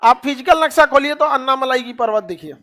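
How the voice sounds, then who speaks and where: A male teacher running an online map class, drilling facts in quick call-and-response and repeating each answer. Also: very high-pitched, expressive, bright, forceful tone.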